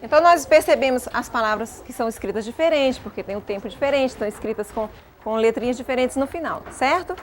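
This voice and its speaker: A Brazilian woman teaching a class of pupils, patiently asking guiding questions and filling her pauses. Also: on the high side, slight background noise. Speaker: schoolteacher.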